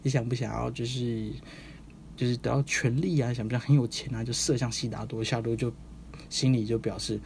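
A man's voice: medium pitch, fairly even intonation, fairly quick, gravelly, darkish tone, a little hiss or hum. A man hosting a podcast, telling a story in a casual, rambling, chatty way. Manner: rambling, chatty, many fillers. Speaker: podcast host.

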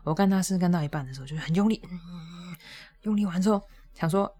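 A woman, hosting a podcast and telling a funny story in a casual, animated way, often laughing and jumping up high when exasperated. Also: fast talker. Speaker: podcast host.

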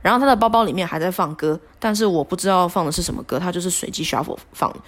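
A woman telling a personal story on a podcast, animated and self-deprecating with many fillers. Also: lowish voice, very fast. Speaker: podcast host.

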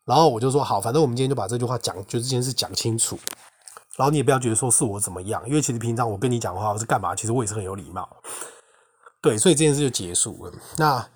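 Young man, Taiwanese Mandarin accent, rapid speech, mid-range voice, indignant storytelling. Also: mid-range voice, breathy edge. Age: young adult. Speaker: podcast host. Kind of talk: casual personal testimony monologue.

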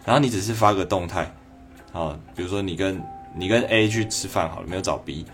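A man's voice: sits low, fairly quick, soft background music. A man with a Taiwanese Mandarin accent, a doctor giving a reflective, conversational advice talk on a livestream. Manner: reflective, conversational, acting out quoted people.

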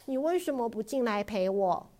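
A woman's voice: expressive, normal speed, close to an everyday voice. A woman doing a stubborn little girl. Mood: sulky. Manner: loud, protesting, high-pitched.

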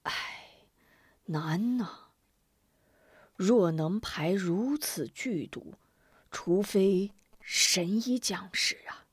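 Woman doing a grave elder healer-teacher in a storybook, slow and low, slightly husky tone. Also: lively intonation, no room sound, full character voice.

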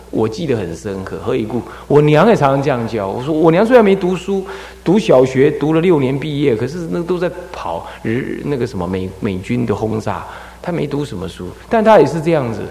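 Male abbot for a dharma talk, lively swinging pitch, repeats words as he goes, long hall reverb. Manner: animated storytelling, repeats words while finding them. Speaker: Buddhist abbot and dharma teacher.

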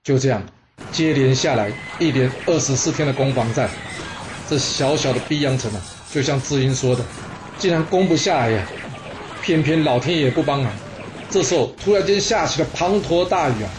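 A man's voice: medium pitch, fairly quick, noisy background. A man telling a historical war story dramatically, with exclamations and rhetorical questions.

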